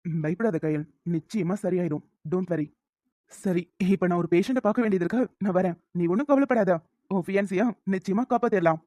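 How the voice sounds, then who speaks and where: A woman voicing a calm male doctor. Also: on the low side, dry recording, studio quality, lightly acted. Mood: reassuring. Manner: gentle, measured, professional. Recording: dull lo-fi sound.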